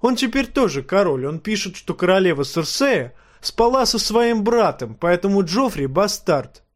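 A man's voice: high voice, moderate pace, pitched above the performer's own voice. A man voicing a cheerful, friendly teenage boy in an audiobook. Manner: lively, bright and friendly.

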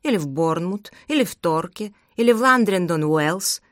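Give me a gruff, demanding old man, read by a woman in a low voice. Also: lively intonation, moderate pace, dry recording, clean studio sound, natural voice. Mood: grumbling. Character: grumpy old invalid rich man, bossy.

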